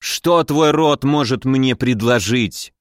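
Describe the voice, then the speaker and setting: A man voicing an arrogant, powerful middle-aged prince and mage who talks slowly and gruffly, commanding and irritable. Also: medium pitch, no echo, clean studio sound, close to an everyday voice. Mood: haughty.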